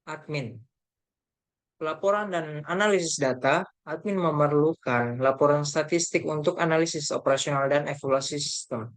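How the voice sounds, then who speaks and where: Young male student, slightly higher voice, stop-start slide reading with restarts. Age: young adult. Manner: reads haltingly, with self-corrections and fillers. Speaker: university student presenting a group report. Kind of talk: reading slides aloud in a class presentation.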